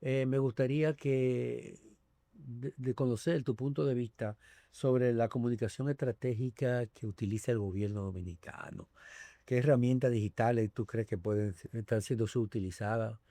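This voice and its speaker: A man's voice: medium pitch, steady tone, moderate pace, warm tone, no room sound. A man hosting a political talk show, asking long conversational questions with frequent hesitations.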